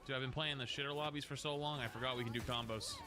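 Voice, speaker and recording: A man's voice: medium pitch, steady tone, fast talker. A man in hyped gamer-bro mode, chatting casually and slangily with teammates during a game stream. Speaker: live-streamer playing an online team shooter. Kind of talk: casual gaming chat with teammates. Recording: loud game music behind voice. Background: game music and effects.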